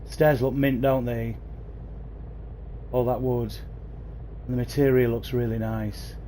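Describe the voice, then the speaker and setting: A man enthusiastically addresses viewers by name during a casual livestream of a bus game, played on a console at home and picked up by a new gaming headset. He takes it slowly in a warm, mid-range voice with flat delivery, and there's a little hiss or hum.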